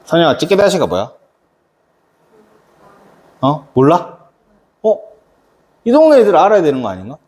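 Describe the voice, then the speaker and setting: A man's voice: a little high, wildly swooping pitch, moderate pace, pauses often, darkish tone. A man teaching a math lesson to a class, chatty and quizzing students by name. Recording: echoey classroom.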